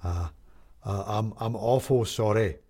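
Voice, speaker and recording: A man's voice: lowish voice, darkish tone. Man doing a stammering, shabby drifter. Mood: sheepish. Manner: stammering, hesitant, slow. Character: worn, shabby middle-aged man, meek and apologetic.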